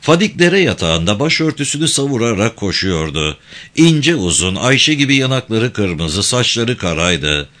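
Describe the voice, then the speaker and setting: A man reading a literary story aloud in an expressive audiobook style. His voice is bright and clear, and his pitch moves in lively arcs through the narration. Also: moderate pace. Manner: expressive, voices each character.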